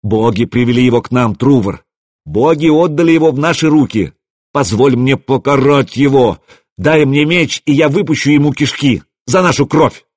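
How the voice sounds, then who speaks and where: A man voicing a furious Viking warrior who shouts hysterically, in an audiobook reading. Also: mid-range voice, expressive, moderate pace, breathy edge, no echo, studio quality, pitched above the performer's own voice. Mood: furious shouting.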